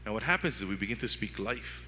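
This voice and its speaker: A man from Hawaii with a Pidgin-tinged accent, preaching a sermon with lively storytelling and acted-out inner dialogue. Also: fairly low pitch, fast, in a large hall, slight background noise. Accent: Hawaiian Pidgin-tinged English. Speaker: pastor. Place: church hall.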